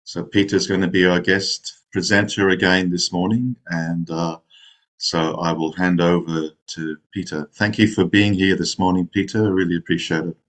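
A man with a deep, low voice opens the morning gathering. He speaks politely and a little hesitantly as he welcomes everyone and hands over to the guest. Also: little pitch movement, normal speed. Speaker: sangha host. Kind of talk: casual introduction.

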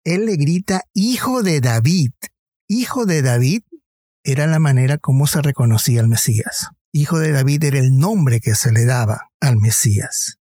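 A man's voice: medium pitch, lively intonation, normal speed, warm tone, no room sound, clean studio sound. A man giving a Bible reflection, explaining the passage and retelling the story vividly. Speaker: preacher.

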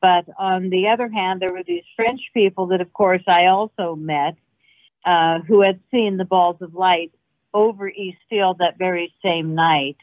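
A woman's voice: fairly low pitch, fairly even intonation, a little slow, dry recording. A woman guest telling anecdotes conversationally and emphatically over a narrow call line. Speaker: interview guest, filmmaker. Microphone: phone or call line. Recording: narrow tinny phone-like line.

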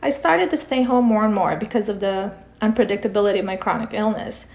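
A middle-aged woman from the Philippines, a parent coach and author, is a guest on a podcast interview, telling her story in a calm, reflective way at a quick pace. Her voice sits at a middle pitch for a woman and has a gravelly, fried edge.

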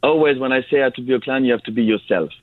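A man answering as a performer guest in a radio interview, with halting, non-native English phrasing. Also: medium pitch, dry recording. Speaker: circus clown, guest. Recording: dry, phone-like band-limited sound.

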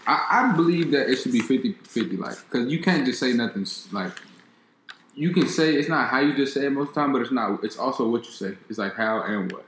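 A man co-hosting a casual chat, mostly monotone, rambling as he works through his points. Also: mid-range voice, brisk, slight background noise. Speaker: co-host. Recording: echoey room.

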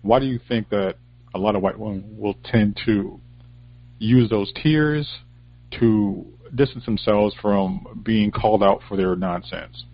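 Man, low voice, deliberate casual talk, dry dull recording. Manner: measured, deliberate arguing. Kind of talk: casual discussion.

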